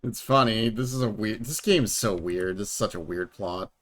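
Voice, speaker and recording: Low-voiced man muttering while editing. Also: a bit bright. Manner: muttering, half to himself, unhurried. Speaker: streamer editing a video. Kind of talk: thinking aloud while editing.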